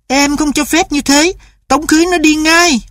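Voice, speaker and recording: Shrill scolding mother, as a woman reader puts her on. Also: steady tone, a little slow, fairly bright tone, no room sound, studio quality. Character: stern, shrill middle-aged mother.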